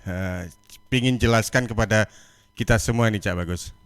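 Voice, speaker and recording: A man's voice: lowish voice, moderate pace, clear, resonant tone, no echo. A man hosting a radio talk show in a friendly, chatty way. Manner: friendly, chatty, laughs between lines. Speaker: radio host.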